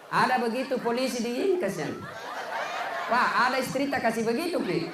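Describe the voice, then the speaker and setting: A man's voice: very high voice, animated, normal speed, echoey room, noisy background. A man with a Makassar accent preaching a comedic sermon, playful and often laughing as he tells his stories.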